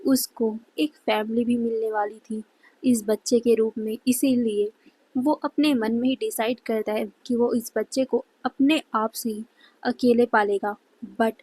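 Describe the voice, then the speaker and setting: A woman narrating a fan-fiction story in a dramatic, expressive way. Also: a little high, slightly rough, poor audio.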